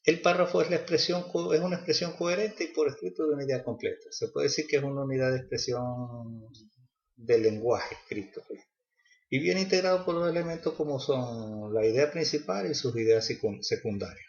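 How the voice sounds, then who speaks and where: A man's voice: medium pitch, brisk, vocal fry, dull audio. Hesitant student man in echoey room. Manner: hesitant, with fillers and restarts. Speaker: student presenter. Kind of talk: class presentation.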